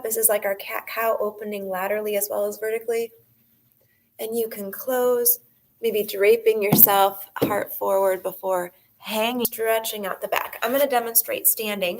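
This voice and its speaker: A woman yoga teacher guiding a class, talking in a chatty, rambling way with many fillers and giving gentle step-by-step instructions. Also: mid-range voice.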